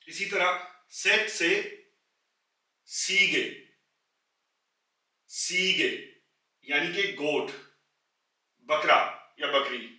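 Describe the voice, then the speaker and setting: Slow, bright-voiced male language teacher. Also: a little high, recorded from a distance. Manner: repeats each word slowly and carefully. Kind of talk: slow explanatory language lesson. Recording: echoey room, voice a little off-mic.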